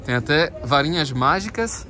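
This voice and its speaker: This Brazilian travel vlogger, accented in Brazilian Portuguese, has a slightly high, bright, forceful and expressive voice at a moderate pace. Walking through an outdoor Christmas market full of crowd noise, he addresses viewers often and chats with vendors in careful French.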